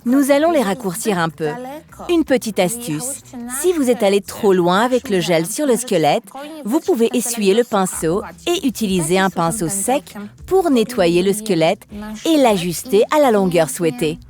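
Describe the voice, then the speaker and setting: A woman's voice: medium pitch, big pitch swings, moderate pace, a crowd in the background. A woman nail instructor explaining a technique step by step in a chatty, instructional way. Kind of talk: instructional demo chat. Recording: music playing behind.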